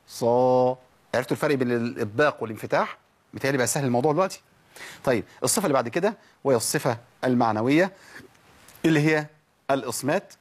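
A husky, medium-pitched man with an Egyptian Arabic accent gives a tajweed lesson as a Quran recitation teacher. He drills letter sounds out loud and keeps asking rhetorical questions.

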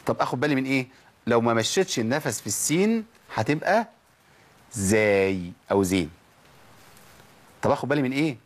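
A Quran recitation teacher with an Egyptian Arabic accent races through a tajweed lesson in a medium-pitched voice full of lively intonation. He asks rhetorical questions and drills the letter sounds aloud.

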